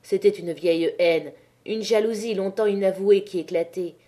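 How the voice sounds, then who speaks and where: A woman reads a classic novel aloud in a measured, even way. Her voice is warm and mellow, in a middle pitch. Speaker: audiobook narrator. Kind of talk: novel reading.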